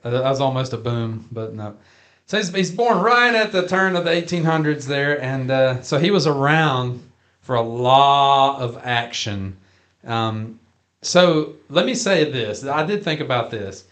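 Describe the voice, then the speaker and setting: A man's voice: mid-range voice, expressive, a bit bright. Folksy, joking male podcast co-host. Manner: folksy and jokey, drawn-out phrasing. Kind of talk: casual chat.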